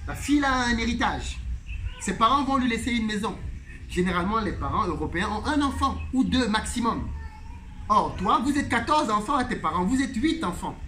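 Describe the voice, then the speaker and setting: A man's voice: sits high, lively intonation, brisk, bright, forceful tone, slight background noise. A man host telling a story in a monologue, animatedly retelling a conversation with emphatic repetition.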